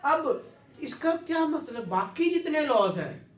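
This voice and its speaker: Here a thirties-aged law lecturer with a Pakistani accent speaks unhurriedly, with an extremely high pitch that swings widely. His lecture weaves in English legal vocabulary, repeats important words, and keeps checking whether students follow. It was recorded from afar in an echoey small teaching room with a whiteboard.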